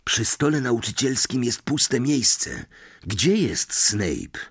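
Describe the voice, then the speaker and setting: A man voicing a young, wary schoolboy in an audiobook, speaking in a hushed mutter. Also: medium pitch, big pitch swings, slow pace, slightly rough, no room sound, studio quality, exaggerated voice.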